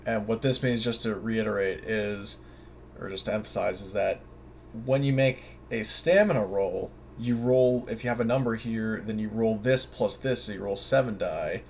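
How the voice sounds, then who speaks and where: A man with a lowish voice and a moderate pace gives an informal tabletop game tutorial off the cuff. He rambles casually and thinks aloud, and the recording carries noticeable background noise.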